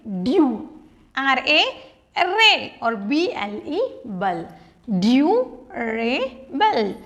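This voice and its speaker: A woman's voice: high voice, sing-song, drawn-out words, sharp tone. A woman with an Indian accent teaching an English phonics lesson in Hindi, spelling out letters one by one and then saying each word.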